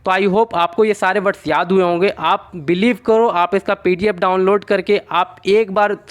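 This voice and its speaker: High-voiced man teaching word mnemonics. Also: fairly even intonation, normal speed. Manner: repeats "okay" often, asks and answers his own questions; explains through short made-up stories. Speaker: exam-prep teacher. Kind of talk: casual mnemonic lesson.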